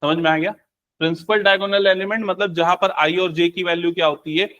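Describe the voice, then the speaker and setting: A man's voice: high-pitched, fairly even intonation, fairly quick, a bit bright, highs cut off. A young man teaching a live maths class, firing questions at students and answering them himself, mixing English terms into Hindi.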